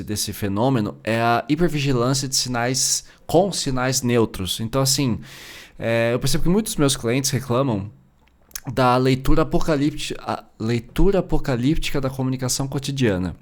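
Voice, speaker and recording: A man in his forties with a Brazilian accent, hosting a casual solo podcast about relationships, chatty, with frequent fillers and asides. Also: mid-range voice. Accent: Brazilian Portuguese. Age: 40s. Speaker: podcast host and therapist.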